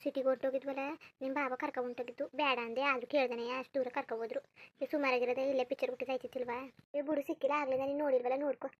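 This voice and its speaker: A woman's voice: high voice, little pitch movement, racing, muffled recording. A woman voicing a caring, chatty married elder sister in a cartoon. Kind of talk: cartoon voice acting.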